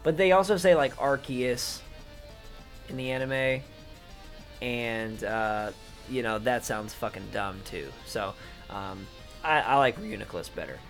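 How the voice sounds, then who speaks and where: A man's voice: mid-range voice, animated, a little slow, faint music behind. A young man casually rambling through his picks for an online league, swearing offhand and filling gaps with "um" and "uh". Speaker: YouTuber talking through his league draft. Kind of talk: casual unscripted commentary to camera.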